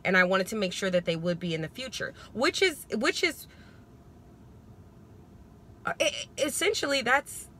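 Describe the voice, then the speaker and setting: A woman with a bright, forward voice talks to her viewers in a casual advice vlog. She explains things conversationally and leans on her points with emphasis. Her pitch is average, and some background noise sits behind the voice. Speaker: parenting vlogger.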